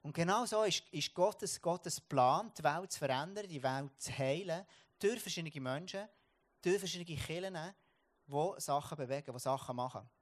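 A Swiss German man preaches in a fairly high voice. He tells a story from daily life with many restarts and repeated words, then turns it into a sermon for his congregation. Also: normal speed.

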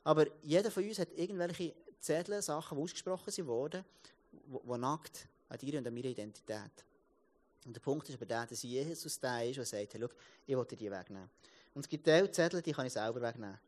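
A man in his thirties, medium-pitched and fairly quick, preaches an informal sermon in a Swiss German accent. As a pastor he narrates stories with energy, though he frequently restarts and repeats himself.

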